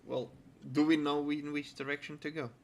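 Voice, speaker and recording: A man's voice: a little high, little pitch movement, normal speed. A man playing a tabletop game, speaking hesitantly and cautiously with frequent fillers. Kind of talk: in-character game banter.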